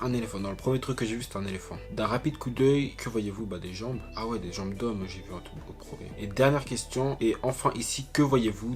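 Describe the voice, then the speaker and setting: A young man hosting a casual vlog, reading quiz questions aloud and chatting about his answers in a self-mocking way. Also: on the low side. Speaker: YouTuber.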